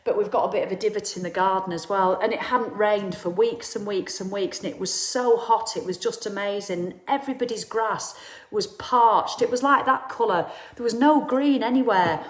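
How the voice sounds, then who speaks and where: This is a reverberant recording of a woman in her 50s speaking at a moderate pace in a medium-pitched voice. As host of a casual live talk, she chats bluntly, swears, and acts out those she quotes.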